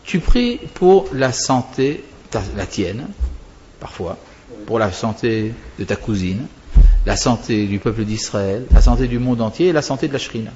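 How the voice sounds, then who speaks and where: Man, religious teacher, explanatory talk, digressive, asks himself questions, mid pitch. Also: lively intonation, moderate pace, a little mellow, highs cut off, a little hiss or hum. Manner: digressive, asks and answers his own questions.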